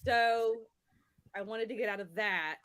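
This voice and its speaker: A woman's voice: medium pitch, measured pace, fairly bright tone, clear, resonant tone, no room sound. A woman guest on a podcast talking frankly and casually about her horror collectible store, laughing easily.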